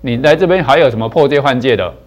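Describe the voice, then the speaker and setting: A huge golden-winged bird from a spoken parable, stern and blunt, scolding its royal captive, as a man puts it on. The teller keeps it close to his own voice, with the same even middle pitch. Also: fast talker, lo-fi sound, close to an everyday voice. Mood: scornful.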